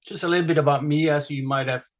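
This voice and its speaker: A middle-aged Swiss race director with a Swiss accent chats casually as a podcast guest in an informal interview. His slightly high voice is fairly even in intonation and fast, and he's friendly, with lots of fillers and restarts.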